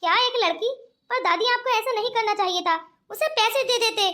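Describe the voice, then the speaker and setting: Woman doing a cartoon grandson, affectionate and questioning, very high bright voice. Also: brisk. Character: young male grandson, a businessman. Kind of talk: cartoon voice acting.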